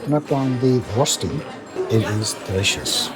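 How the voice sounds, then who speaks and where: A man's voice: mid-range voice, normal speed. A man, joking and asking questions while hiking outdoors, filmed on a handheld camera. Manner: joking, playful, interviewing his partner. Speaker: travel vlogger. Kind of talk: casual vlog chat. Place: outdoors on a mountain hiking trail. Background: background music.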